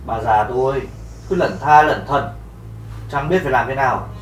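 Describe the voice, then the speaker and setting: An actor playing a tired young husband and son, blunt and fed up. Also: male voice, medium pitch, normal speed, a little hiss or hum, close to an everyday voice. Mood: weary. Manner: blunt and tired, then contrite. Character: weary son and husband, gives up his mother, repents. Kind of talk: melodrama acting. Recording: roomy, distant mic, music behind.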